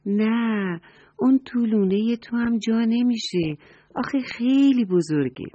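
A woman voicing a small, kind, patient female swallow in a children's story, speaking gently and earnestly. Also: fairly high pitch, no room sound, voice pushed up, natural voice. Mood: gentle. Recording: dull dry recording, soft music.

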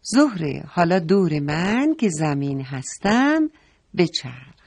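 A woman's voice: lowish voice, big pitch swings, a little mellow, breathy edge, full character voice. A woman voicing a kind mother who patiently explains things to children in a story. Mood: gentle teaching. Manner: patient, explaining, asking questions.

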